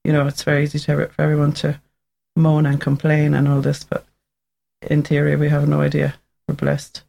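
An Irish man from Waterford speaks as a guest musician. His voice is flat and gravelly, and his talk is earnest and plain. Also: a little high, normal speed. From Waterford, Ireland.

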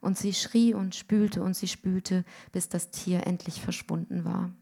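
A woman reading a literary story aloud in a rhythmic way, often dropping to hushed tones. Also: fairly low pitch, fairly even intonation, a little slow, vocal fry. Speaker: reader.

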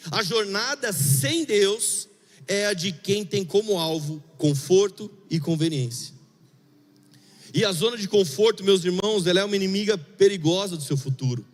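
High-voiced pastor preaching in an echoing hall. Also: male voice. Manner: conversational and confessional, swings from quiet murmurs to fervent outbursts. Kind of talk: sermon. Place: church hall. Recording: long hall reverb.

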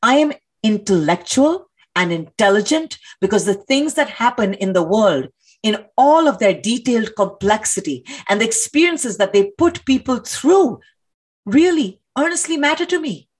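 In a stage play reading, an actress portrays an earnest, intellectual woman who challenges authority, delivering dramatic dialogue articulately and emphatically with rhetorical questions. Her fairly high, animated voice has a breathy edge and moves at normal speed, sounding earnest and pained.

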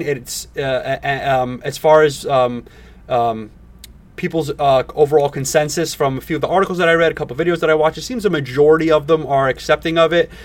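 A man with a somewhat high voice hosts a casual podcast in an eager crypto-bro manner. He speaks haltingly, circling back and padding his points with fillers. The microphone sounds a little distant. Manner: halting, repetitive, filler-heavy delivery. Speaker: podcast host.

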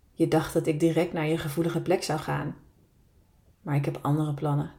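A woman with a fairly low voice reads her own erotic story in the first person. Her delivery is slow, sultry and intimate, as if speaking close to a single listener. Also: darkish tone.

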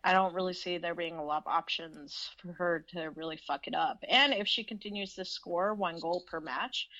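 A woman co-hosting a casual sports podcast, chatty and relaxed, swearing now and then. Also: fairly low pitch, no room sound, dull audio. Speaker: podcast co-host. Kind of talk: casual chat.

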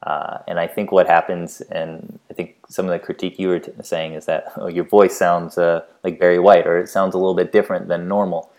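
Casting: deep-voiced male co-host, hesitant reflective podcast talk. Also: flat delivery, fairly quick, hardly any pauses, darkish tone. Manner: thoughtful, hesitant with fillers. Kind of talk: casual chat.

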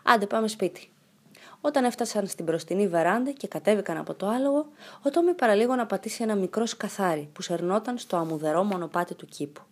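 A woman reading a children's story aloud as narrator, in a calm, even storytelling manner. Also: medium pitch. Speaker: reader.

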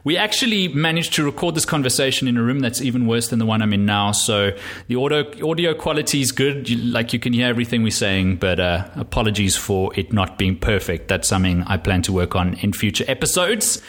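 A man hosting a casual podcast interview, relaxed, with frequent ums and laughs. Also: medium pitch, brisk. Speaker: podcast host. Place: poor-sounding room.

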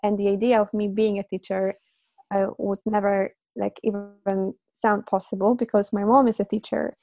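Her voice is creaky, mid-range and fairly flat in pitch, at a moderate pace. A Polish native speaker in her thirties, she's a language teacher and psychologist being interviewed about teaching and learning, working through her thoughts aloud with fillers and soft laughs.

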